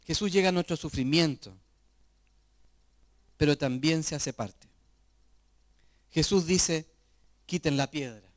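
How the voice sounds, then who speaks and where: A man's voice: on the high side, slow, pauses often. A middle-aged man preaching a sermon in an earnest, conversational way, full of rhetorical questions. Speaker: pastor.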